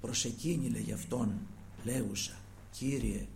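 A man's voice: mid-range voice, vocal fry, a little mellow, a little hiss or hum. A man preaching a sermon, earnest and retelling scripture with quoted pleas, often trailing his phrases off to a near-whisper.

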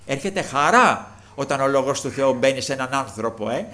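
A middle-aged man preaching a fervent sermon, swinging between loud outbursts and hushed passages, often repeating refrains of praise. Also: mid-range voice, animated.

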